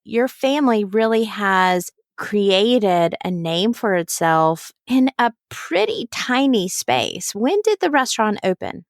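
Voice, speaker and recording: A woman's voice: mid-range voice, sing-song, slow, few pauses, no room sound. A woman hosting a podcast, speaking from inside a clothes closet. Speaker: podcast host. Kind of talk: scripted introduction, then casual interview chat. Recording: close, dry closet sound.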